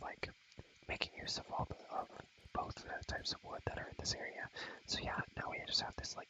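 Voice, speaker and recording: An ASMR content creator, a man, whispers breathily in a casual style while showing off a game, rambling and repeating phrases again and again. His tone is sharp and the recording is rough.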